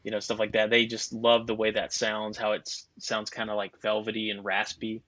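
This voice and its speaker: A man with a lowish voice talks through phone technology at length, chatty and loose. The sound is a bit muffled and very dry, with no room in it. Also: completely flat delivery, moderate pace, pushed and bright, no echo. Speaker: guest telecom expert. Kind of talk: casual podcast chat.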